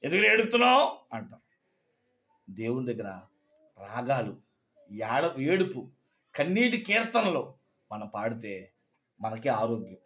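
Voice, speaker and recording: A man's voice: medium pitch, sing-song, takes it slowly, pauses often. A male pastor giving a sermon, telling stories and asking the congregation questions.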